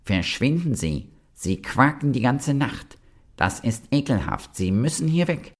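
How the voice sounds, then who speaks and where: A man's voice: medium pitch, big pitch swings, measured pace, voice pushed up. A man voicing a spiteful, fussy male toadstool in a children's story, scolding shrilly.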